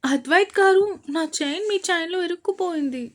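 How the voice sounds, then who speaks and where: A woman voicing an excitable young heroine who shouts and protests in a romance story. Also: brisk. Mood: shrill. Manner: shrill, indignant.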